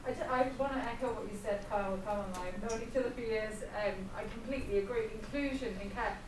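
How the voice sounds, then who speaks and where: In an echoey room with noticeable noise, a woman speaks emphatically from the floor. Her voice is on the higher side and sounds a little away from the mic. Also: fast, far from the mic. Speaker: nursing professor and carer. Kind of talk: emphatic public comment. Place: hotel function room at a public event.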